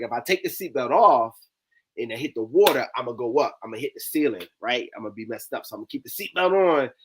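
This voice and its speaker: A man in his forties telling stories in a slangy, animated, conversational way on a video call. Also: mid-range voice, slight background noise. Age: 40s. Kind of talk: casual chat.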